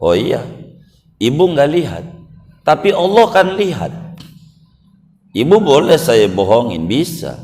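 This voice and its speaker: A man's voice: mid-range voice, very animated, unhurried, long pauses, darkish tone. A man voicing an earnest, honest young boy who pleads his case. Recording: long reverb of a mosque hall.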